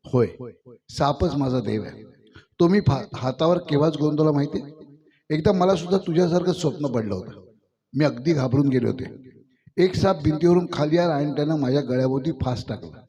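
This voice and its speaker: A bold, self-assured young village woman from a storybook, confident and teasing, as a male narrator reads her lines. The voice sits a little high and sounds soft and mellow. The recording is dull and lo-fi. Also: normal speed, lightly acted. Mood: earnest.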